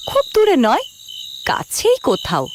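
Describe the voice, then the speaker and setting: A woman's voice: high-pitched, wildly swooping pitch, measured pace. A woman narrating a scripted cartoon story. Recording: clear background noise.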